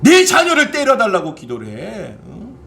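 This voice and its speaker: A man voicing a stern God who scolds a believer for selfish prayers, dropping his voice low and chiding. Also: wildly swooping pitch, moderate pace, creaky, pushed and bright, a little hiss or hum, exaggerated voice. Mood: scolding.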